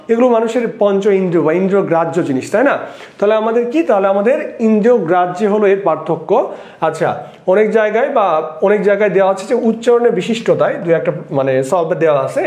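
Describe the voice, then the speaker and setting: A man's voice: sits high, a little mellow. A man teaching an exam-prep lesson, asking rhetorical questions and repeating the key points. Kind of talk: lecture solving exam questions. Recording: roomy echo.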